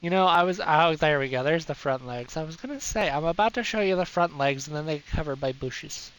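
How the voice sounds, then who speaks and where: A young streamer with a fairly high, bright and clean voice talks briskly while playing a game live. His commentary is playful and rambling, full of self-mocking jokes, though the recording quality is low.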